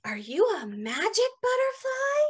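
A woman voicing a small, kind ant in a picture book, asking bright wondering questions. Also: extremely high pitch, huge pitch swings, measured pace, pitched above the performer's own voice, heavily acted.

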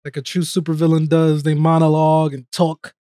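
A man's voice: a little high, monotone, brisk, warm tone. Slangy man reacting casually, close-miked. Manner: slangy, informal. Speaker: anime reaction host. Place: small home streaming room. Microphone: close microphone on a boom arm. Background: music from the show.

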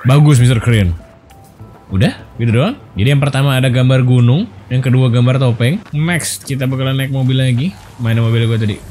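A man's voice: mid-range voice, brisk. A young man, commentating casually on his own gameplay, joking and squealing as he plays. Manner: playful, excitable, jokey slang and squeals. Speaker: gameplay streamer. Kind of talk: casual let's play commentary. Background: game music.

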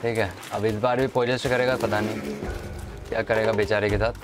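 A man's voice: on the low side, little pitch movement, a little fast. A man giving casual, chatty commentary over his gameplay, talking to the viewers and to the enemies, with game music underneath. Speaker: gaming commentator.

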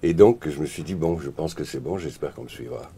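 A middle-aged male voice actor and singer, interviewed, telling lively stories and acting out voices. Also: fairly quick, a crowd in the background. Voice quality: very deep, husky. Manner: lively storyteller, acts out voices.

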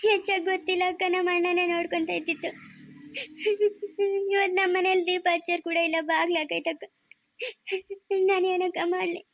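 A woman's voice: high voice, flat delivery, racing, no room sound, soft background music. A woman playing a grieving young village woman who has lost her family, pleading and sobbing in a family moral drama.

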